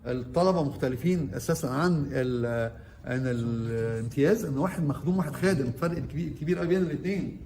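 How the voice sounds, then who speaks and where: Addressing medical interns at their orientation, an Egyptian Arabic-accented surgeon quizzes the class and alternates between Arabic and English medical terminology. His mid-range voice is warm and fast, and the roomy recording carries slight background noise.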